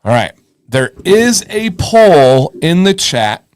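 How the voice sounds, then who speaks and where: A man with a fairly high, sing-song voice speaks slowly and clearly in a resonant tone, recorded clean in a studio with no echo. He hosts a live beard advice show, chatting casually as he reads viewer messages and offers advice. His manner is encouraging and informal, and he thinks aloud, repeating himself.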